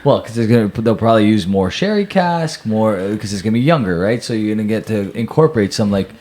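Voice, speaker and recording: A man, speaking in a very deep, low register. He talks casually and bluntly, leaning hard on his opinions and stretching words for emphasis. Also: animated, fast talker, darkish tone. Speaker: podcast co-host. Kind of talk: casual chat.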